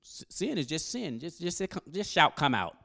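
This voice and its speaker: A man preaching a sermon, quizzing his congregation and building up to loud exhortation. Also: high-pitched, normal speed, vocal fry. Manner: call-and-response with the congregation; animated, rising to loud exhortation. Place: church service.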